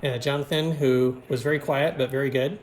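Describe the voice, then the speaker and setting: A man's voice: medium pitch, fairly even intonation, brisk, slight background noise. A filmmaker hosting his own show, casually narrating behind-the-scenes clips in an easygoing, chatty way. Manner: easygoing, chatty, with small laughs and fillers.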